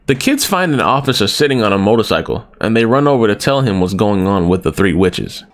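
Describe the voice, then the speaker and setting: A man's voice: fairly low pitch, animated, fairly quick. A man giving a casual, joking movie review, exclaiming and ranting as he goes.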